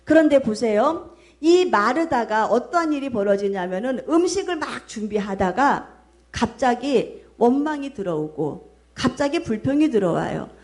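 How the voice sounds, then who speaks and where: A woman's voice: a little high, expressive, normal speed, darkish tone. A middle-aged woman pastor preaching a sermon, telling a story and asking questions she then answers herself.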